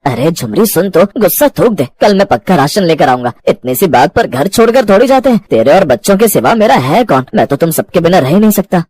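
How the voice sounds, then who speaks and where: A man's voice: high voice, very animated, a little fast, hardly any pauses, darkish tone, dry recording. A man voicing a lazy, drunken village husband who pleads and makes excuses. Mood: pleading.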